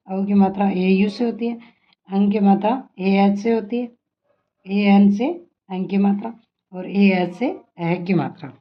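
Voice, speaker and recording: A woman teacher giving a classroom lesson, asking questions and answering them herself, repeating each point. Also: mid-range voice. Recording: dull lo-fi sound.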